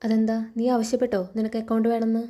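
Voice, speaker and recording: A woman's voice: fairly high pitch, monotone, rapid-fire, dark tone, close to an everyday voice. A woman reading the lines of a domineering, wealthy middle-aged lady of the house in a scornful, scolding way.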